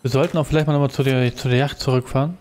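A man's voice: medium pitch, fairly even intonation, rapid-fire, darkish tone. A man chatting casually with a co-player while playing a video game. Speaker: let's play gamer. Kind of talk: casual gaming chat with a co-player.

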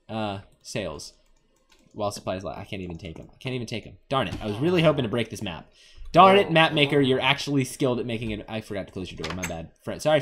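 A young man hosting a gaming video gives casual, playful Let's Play commentary on an adventure game, rambling to himself and to the game's characters. His voice is medium-pitched and a bit bright.

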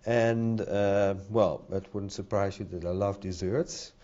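Slow and fairly even in intonation, a middle-aged man with a Dutch accent speaks in a lowish, dark voice during a conference talk at a podium. He hesitates often, filling gaps and repeating words before the hall audience. The recording, via podium microphone, is dull and lo-fi.

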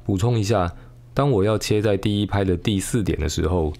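A man teaching drums, calmly explaining technique step by step. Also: fairly low pitch, fairly quick. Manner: calm, patient, step-by-step explaining. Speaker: drum teacher. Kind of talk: instructional explanation. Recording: faint drum music in background. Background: drum kit playing.

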